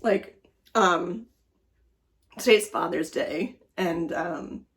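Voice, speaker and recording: A middle-aged woman who grew up speaking German rambles chattily for her personal vlog, using many fillers. Her voice is lowish, gravelly and very slow.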